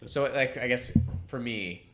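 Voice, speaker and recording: A man's voice: medium pitch, measured pace, very noisy. A man co-hosting a podcast, chatting casually and telling an easygoing story over whiskey. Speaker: podcast co-host. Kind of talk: casual chat while tasting whiskey.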